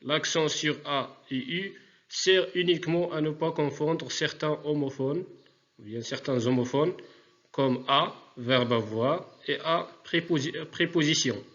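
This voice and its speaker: A man teaching a remote spelling lesson to pupils, speaking deliberately and repeating words for dictation. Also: on the high side, fairly bright tone, dull audio.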